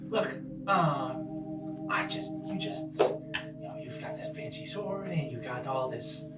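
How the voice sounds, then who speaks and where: A man acts out a little street urchin for a tabletop game, cheeky yet bashful, bargaining in halting bursts. The voice is roomy and a bit far from the mic, with music underneath. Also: mid-range voice, animated. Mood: sheepish. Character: small sheepish street urchin kid, cheeky and pleading.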